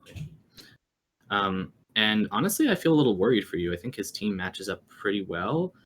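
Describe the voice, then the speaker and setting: Low-voiced man chatting, faint background noise. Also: sing-song, fairly quick, a bit bright. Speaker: co-host. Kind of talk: casual analysis chat. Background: faint noise, cat meowing at times.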